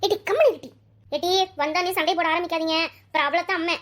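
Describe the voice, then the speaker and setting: A shrill, very high cartoon mother, worn out by her bickering girls, as a woman puts her on. She scolds and threatens in rapid bursts, always at the end of her patience. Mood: scolding. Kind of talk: cartoon voice acting.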